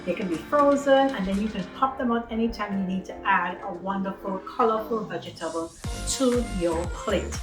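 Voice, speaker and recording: A woman from Trinidad and Tobago hosts a home cooking demonstration, chatting with viewers as though they were friends. Her voice is a little high, and the room sounds echoey.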